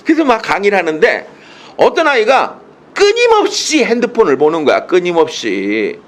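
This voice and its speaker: A man's voice: high voice, huge pitch swings, moderate pace. A man giving a humorous lecture over a video call, telling stories in a playful, teasing way and acting out the quotes. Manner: playful, teasing storyteller who acts out quotes. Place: indoors, speaking to a monitor.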